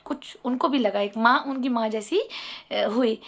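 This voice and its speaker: A middle-aged woman telling a personal story in an animated vlog monologue, acting out what others said. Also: a little high, measured pace. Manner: animated, acts out quoted voices. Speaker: vlogger.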